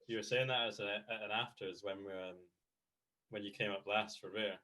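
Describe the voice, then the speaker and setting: A man's voice: fairly low pitch, fairly even intonation, fairly quick, crowd noise. A young man co-hosting a radio show, chatting and reminiscing casually. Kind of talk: casual chat.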